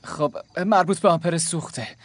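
An actor voicing a hunted male smuggler pilot who is nervy and quick-tempered, pleading and swearing in dubbed game dialogue. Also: on the high side, creaky. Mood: defensive.

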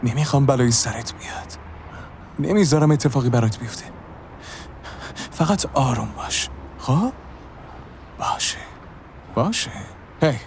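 An actor playing a paramedic who talks a distressed patient down in a gentle, coaxing way. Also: male voice, mid-range voice, expressive, long pauses, a little hiss or hum, natural voice. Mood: soothing. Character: calm male paramedic soothing a patient.

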